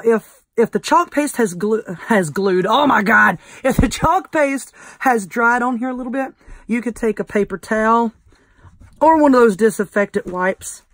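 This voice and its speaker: A Southern woman with a croaky, hoarse voice, chatting through a craft tutorial for her viewers. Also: mid-range voice, no room sound. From North Carolina. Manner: friendly, chatty, addresses viewers as y'all. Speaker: crafting channel host.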